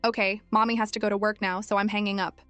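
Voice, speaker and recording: A woman playing a gentle, loving young mother. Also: mid-range voice, level tone, fast, no echo, faint music behind, close to an everyday voice. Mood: tender. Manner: soft and tender.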